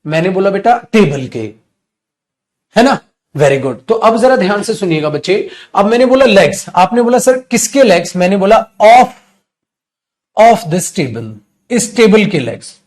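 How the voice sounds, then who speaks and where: High-voiced Indian man teaching grammar. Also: very animated, measured pace, a little mellow. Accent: Indian English. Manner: coaxing, calls students beta, asks and answers his own questions. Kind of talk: live online class lecture.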